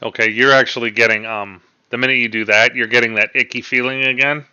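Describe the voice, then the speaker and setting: A man's voice: medium pitch, steady tone, quick pace, bright, forceful tone, clean tone, no room sound, dull audio. A man running a tabletop game as dungeon master over voice chat, patiently laying out rules and describing the scene.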